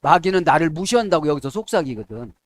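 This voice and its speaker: Lively middle-aged Korean pastor preaching. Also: male voice, on the high side, quick pace. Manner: asks the congregation "에?" to check agreement. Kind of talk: sermon.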